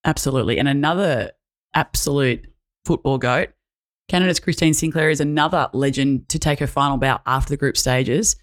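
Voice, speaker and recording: A woman's voice: extremely low pitch, a little fast. A woman co-hosting a women's sports podcast, chatty and enthusiastic, often restarting her sentences. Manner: chatty, enthusiastic, self-interrupting. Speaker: podcast co-host. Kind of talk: casual sports podcast chat.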